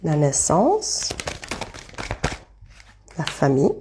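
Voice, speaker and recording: A woman's voice: low-pitched, huge pitch swings, very slow, background noise. A woman giving a casual live card reading, thinking aloud as she turns cards and greeting viewers by name. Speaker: card reader streaming live.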